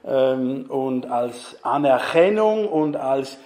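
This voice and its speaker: In an echoey church hall, a man delivers a conversational sermon, chatting with the congregation and putting questions to them. His mid-range voice is animated yet slow, with a darkish tone.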